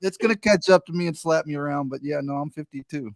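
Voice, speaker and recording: A man in his fifties hosting a casual podcast interview, joking and asking quick questions. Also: fairly high pitch, vocal fry. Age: 50s. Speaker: podcast host.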